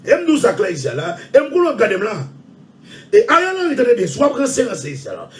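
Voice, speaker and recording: A man hosting an online show, ranting loudly and repeating himself. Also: sits high, huge pitch swings, fast, distant mic. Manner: shouting, loud and repetitive. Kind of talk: impassioned rant.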